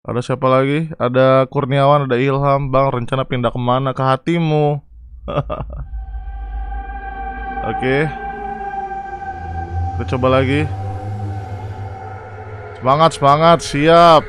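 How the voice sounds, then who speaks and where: A young man casually commentating a horror game live, chatty and excitable, reading chat and yelling at scares. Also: medium pitch, slow, long pauses, soft background music. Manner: excitable, chatty, reacts loudly to scares and reads chat aloud. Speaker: gaming streamer.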